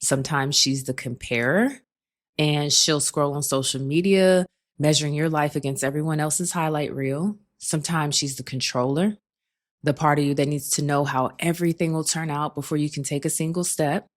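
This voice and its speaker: Low-voiced encouraging woman podcast host. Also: moderate pace. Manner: encouraging, addresses the listener directly with pet names; calm, reflective delivery with frequent check-ins. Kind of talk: faith-based self-help monologue.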